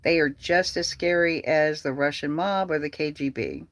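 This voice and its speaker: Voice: mid-range voice, moderate pace, no echo. Heated, profane political ranter. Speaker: political vlogger. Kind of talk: angry political rant.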